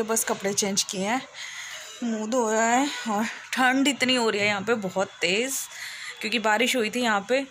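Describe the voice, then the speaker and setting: Chatty woman vlogging over background noise. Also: mid-range voice. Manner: chatty, rambling storytelling. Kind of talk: casual daily vlog narration. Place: home.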